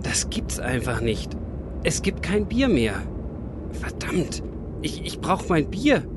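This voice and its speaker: A man's voice: a little high, big pitch swings, slow, heavy background noise. A man playing a desperate, flustered everyman who stammers while hunting for beer.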